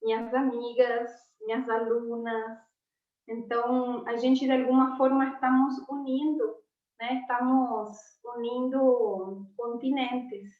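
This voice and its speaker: A woman, a teacher chatting warmly on a video call, laughing often. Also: on the high side, little pitch movement, slow pace. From Argentina. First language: Spanish. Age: 40s. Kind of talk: casual chat on a video call. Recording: roomy, distant, dull sound.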